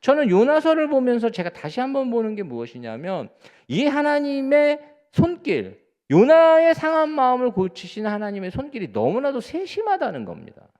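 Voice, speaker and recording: A man's voice: huge pitch swings, normal speed, few pauses, long reverb tail. A man preaching a sermon as pastor, speaking earnestly to the congregation and repeating words for emphasis. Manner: earnest preaching with rising emphatic peaks and soft low endings; addresses the congregation directly, often repeating words.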